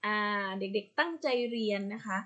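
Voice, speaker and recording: A woman with a Thai accent teaching English to young children in a slow, patient online lesson, repeating each word for them to copy and praising them. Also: mid-range voice, animated, fairly bright tone. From Thailand. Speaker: primary school English teacher.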